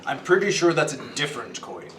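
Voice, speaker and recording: A man role-plays casually at a game table, feeling out his lines with some hesitation. His medium-pitched voice comes from away from the mic, with clear noise in the background. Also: big pitch swings, fairly quick, fairly bright tone, echoey room, recorded from a distance. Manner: hesitant, improvising. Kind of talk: casual in-character role-play.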